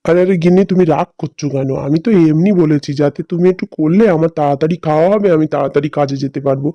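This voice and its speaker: A man's voice: fairly high pitch, very fast, no room sound, dull audio, lightly acted. A man voicing a selfish, hen-pecked grown son in a cartoon drama, blunt and impatient. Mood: placating. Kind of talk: cartoon voice acting.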